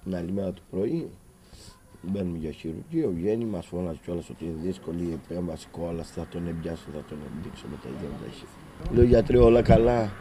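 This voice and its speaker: A man with a Cretan accent and a deep, very dark, mellow voice tells a reporter his own story as a father. He is agitated and acts out the conversations he had, often pushing his voice up with intensity. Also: animated, slight background noise. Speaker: father of a patient.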